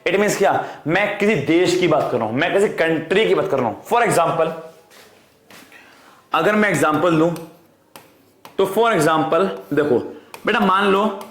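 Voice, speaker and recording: A man's voice: a little high, lively intonation, unhurried, pauses often, fairly bright tone. A man teaching an economics class, repeating key points and calling out to his students. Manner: repetitive call-and-response drilling, addresses students as "beta". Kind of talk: online class lecture. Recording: echoey room.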